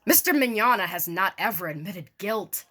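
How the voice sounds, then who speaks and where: Delivering a theatrical, mock-formal dramatic reading, an online video creator adds sarcastic, sweary, casual asides. She speaks in a mid-range voice at a moderate pace, with lively intonation and a sharp tone.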